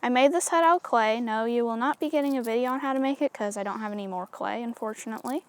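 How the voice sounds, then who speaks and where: A woman's voice: on the high side, fast talker, dry recording. A woman casually talking through a hands-on craft demonstration, chatty and easygoing, with lots of little fillers. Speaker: craft tutorial host.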